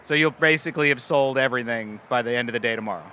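Bright-voiced curious interviewer. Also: male voice, medium pitch, very fast, slight background noise. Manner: curious, chatty, asks follow-ups. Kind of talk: casual interview. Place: busy food festival, indoors.

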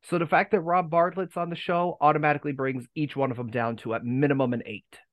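A man's voice: a little high, fairly even intonation, fast, dry recording, muffled recording. A man hosting a casual podcast chat, rambling with many restarts and laughing easily. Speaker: podcast host.

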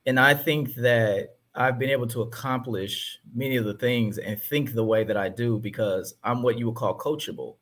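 A man's voice: medium pitch, moderate pace, few pauses, fairly bright tone. A man talking earnestly and emphatically about faith and the church in a casual discussion.

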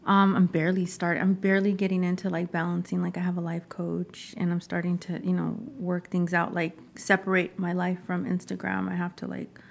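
A young woman answers interview questions in a relaxed, rambling way, full of fillers. Her voice sits a little low and has a gravelly rasp. She sounds casual and unpolished. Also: brisk, few pauses. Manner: casual, trailing sentences with many fillers. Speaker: guest, social media creator.

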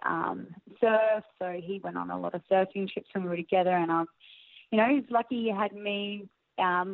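A young woman, soft and reflective, speaking in a personal interview and laughing often. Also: medium pitch, gravelly, no echo. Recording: tinny phone-like audio, faint music.

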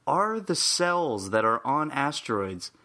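A man's voice: mid-range voice, sing-song, slow, bright, forceful tone. A man in a casual chat who laughs easily and talks in stumbling restarts.

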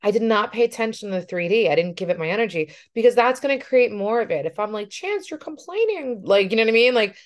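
A woman's voice: medium pitch, quick pace, few pauses. A woman life coach talking through a casual podcast monologue in an earnest way, often checking in with "right?".

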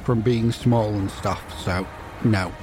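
A man's voice: on the low side, fairly even intonation, slow pace, a little mellow, a little hiss or hum. A man talking casually about rules as a player in a tabletop game.

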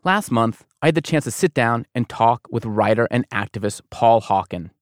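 A man hosting a show, reading scripted narration in a clear, steady manner. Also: medium pitch, normal speed, dry recording, studio quality, faint music behind. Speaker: host.

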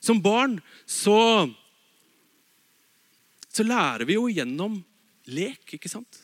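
A man with a high voice preaching a sermon in a lively way. He swings from loud emphasis down to quiet, low asides. His voice is recorded dry and close, with no room echo.

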